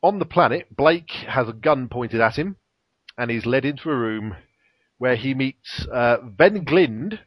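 A man's voice: mid-range voice, animated, a little slow, no echo. Man casually recapping a story, dull lo-fi audio. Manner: rambling storytelling with fillers and frequent chuckles. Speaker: podcast co-host recapping an episode. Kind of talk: casual chat, episode recap.

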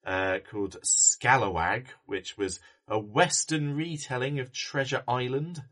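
A man's voice: medium pitch, a little slow, a bit bright. A man co-hosting a casual film podcast, rambling with fillers and restarts. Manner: rambling, many ums and restarts. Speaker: podcast co-host.

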